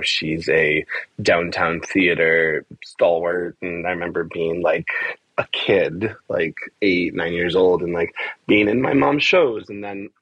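Born in Argentina and raised in the US from age four, this middle-aged theater composer, music director and adapter answers interview questions conversationally over a video call, often repeating words and asking "right?". His voice is low, fairly bright, and breathy-edged. The rough recording from a small bare indoor room has no echo.

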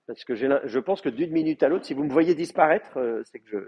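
Husky, lively male lecturer, stop-start. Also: on the high side, fast, no room sound, dull audio. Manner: hesitant, stop-start explaining with many restarts. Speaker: university Hebrew lecturer. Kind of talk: live classroom lecture. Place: classroom with in-person and remote students.

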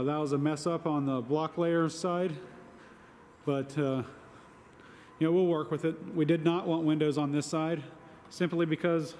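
A man's voice: fairly high pitch, a little mellow, slight background noise. A man giving a casual walkthrough of his homestead building site, talking in a plain, matter-of-fact way with fillers. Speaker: homesteader vlogger.

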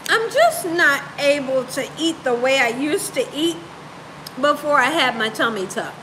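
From a room in her house, a cooking livestream host in her thirties or forties keeps up a playful, casual chat with viewers, doubling up on phrases for emphasis. She sounds high and expressive, unhurried, with a noisy background.

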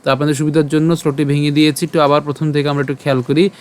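A man teaching Sanskrit verse pronunciation online, breaking words into syllables slowly and chanting the lines. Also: on the high side, flat delivery, a little mellow, smooth. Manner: slow, careful syllable-by-syllable drilling, chanting verses.

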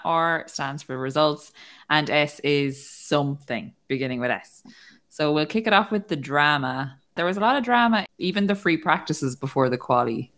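A woman's voice: sits low, a bit bright. A woman hosting a casual chat podcast, laughing often and acting out her own reactions. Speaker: podcast host.

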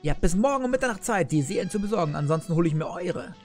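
A man voicing a grinning, booming male devil who runs a casino, gloating and bullying as he reads a cartoon game's story aloud. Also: lively intonation, rapid-fire, soft background music.

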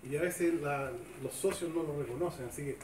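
A man's voice: fairly high pitch, fairly quick, darkish tone. Chilean man speechmaking in an echoey shed. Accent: Chilean Spanish. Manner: chatty, folksy, seeking agreement with tag questions. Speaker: government official giving a speech. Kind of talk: informal public speech. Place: open-sided covered sports shed, semi-outdoors. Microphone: far camera, no microphone. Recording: echoey shed heard from a distance, background noise.

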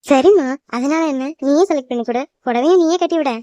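A woman's voice: sits high, a little fast, warm tone, dry recording, muffled recording, natural voice. A woman voicing a young cartoon bride, a devoted daughter who teases and reassures her mother. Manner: teasing, reassuring, chatty. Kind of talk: cartoon voice acting.

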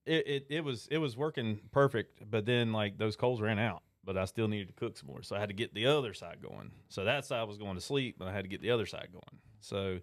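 A low-voiced man tells a self-deprecating story close on a boom mic, with a dry, close sound. He laughs at himself as he goes. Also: a little fast, few pauses, no room sound. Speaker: podcast co-host. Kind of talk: casual chat. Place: fly shop, indoors. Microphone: boom mic with headphones.

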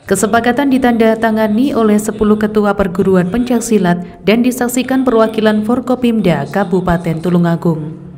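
A woman reading scripted news narration in a formal, measured manner as a reporter. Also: mid-range voice, darkish tone.

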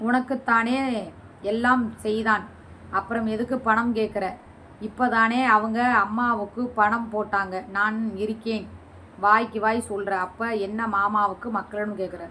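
A woman's voice: a little high, a bit bright. A woman vlogger answering viewer comments in a combative, scolding and sarcastic way. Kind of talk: heated reply to comments.

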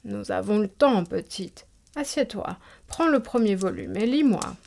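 A woman's voice: medium pitch, animated, gravelly, a little mellow. A woman playing an imperious old countess. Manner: imperious, drawn-out commands.

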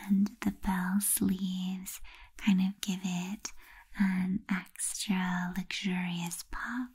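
A young woman whispering softly and slowly in an ASMR video, with a breathy, unvoiced delivery. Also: fairly low pitch, flat delivery. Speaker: ASMR creator.

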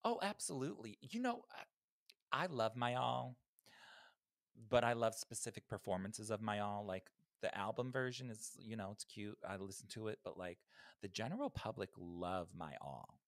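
On a close podcast mic over a video call, a male co-host chats casually about pop music news, gossiping and repeating himself with campy emphasis. His voice is lowish and animated, his speed normal, and the recording dry.

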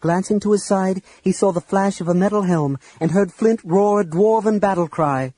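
A man's voice: high-pitched, moderate pace, breathy edge, no room sound, poor audio. Man reading a fantasy audiobook. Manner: voices characters with shouts and hushed whispers. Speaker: audiobook narrator.

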